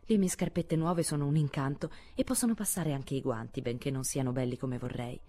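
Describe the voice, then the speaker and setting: A woman's voice: very deep voice, brisk, dark tone. A woman reading an audiobook, voicing a fussy, proper sixteen-year-old girl who frets about appearances. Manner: anxious, insistent about appearances.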